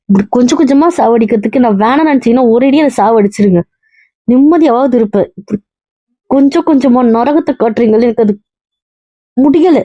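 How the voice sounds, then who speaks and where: A woman's voice: medium pitch, mellow, slightly rough, no echo, lo-fi sound, natural voice. A woman playing a distraught young wife in an amateur family drama, with an anguished, bitter delivery. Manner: anguished, rising to cries. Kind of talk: amateur web-series acting.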